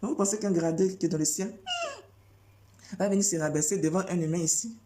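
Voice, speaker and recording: Woman preacher, sermon delivery; low, mellow tone, insistent and repetitive, heavy on rhetorical questions. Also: a little fast. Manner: insistent, repeats phrases and fires rhetorical questions.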